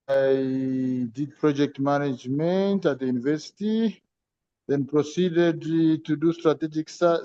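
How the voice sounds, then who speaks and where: A man's voice: a little high, a little mellow, no room sound. Formal man in his fifties on a muffled call. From Zambia. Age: 50s. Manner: measured, formal, pauses with many uhs. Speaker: student introducing himself. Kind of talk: online class introduction. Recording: muffled, dull call audio.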